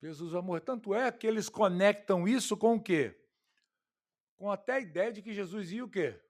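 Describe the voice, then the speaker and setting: A man's voice: sits high, lively intonation, normal speed. A man preaching an expository sermon, talking conversationally and asking the congregation rhetorical questions. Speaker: pastor.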